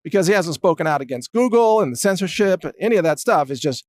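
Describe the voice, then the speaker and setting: A man's voice: sits high, expressive, fast talker, darkish tone. A man hosting a political commentary monologue, talking in a sarcastic, mocking way. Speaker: host.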